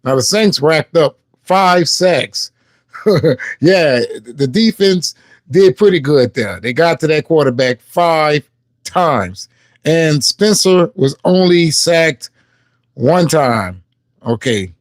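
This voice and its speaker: A man's voice: on the high side, lively intonation, slow pace, no room sound. A man hosting a casual sports live stream. He reads game stats aloud and chats with viewers. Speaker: sports livestream host.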